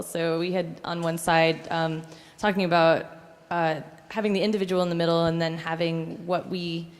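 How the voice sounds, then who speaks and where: A young woman, a student on a panel, explaining hesitantly with many hedging fillers into a handheld mic. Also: on the low side. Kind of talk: informal panel answer. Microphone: handheld microphone. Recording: long hall reverb.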